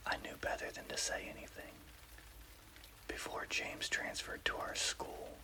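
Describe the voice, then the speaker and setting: A man narrating a scary story as ASMR in an unvoiced, breathy whisper, with careful scripted delivery. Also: low-quality recording.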